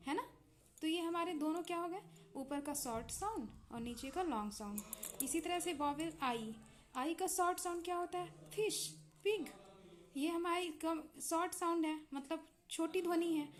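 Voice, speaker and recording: A woman with an Indian accent teaches English sounds in a high, clear voice. She talks patiently, repeats each example word and keeps checking that her students follow. A faint hiss sits under the recording. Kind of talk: explaining English phonics in Hindi.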